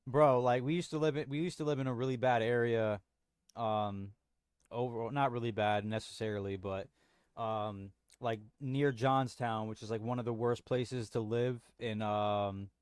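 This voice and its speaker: This livestream host, a young man at home, talks casually to his viewers, wandering from point to point with slang, frequent restarts and plenty of "bro." He speaks in a mid-range, steady, clean voice at normal speed. The audio is studio-clean without any echo.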